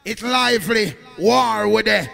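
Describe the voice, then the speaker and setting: A man hyping a sound clash as selector and MC, shouting and chanting in patois in a dance hall. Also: high-pitched, measured pace, vocal fry. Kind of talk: hype MC talk over a live dance. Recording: long hall reverb with loud music. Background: reggae music.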